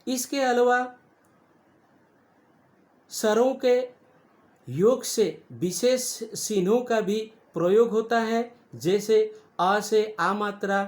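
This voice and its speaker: A teacher giving a slow grammar lesson to children, spelling out letters one at a time and stretching sounds to show their length. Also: medium pitch, darkish tone.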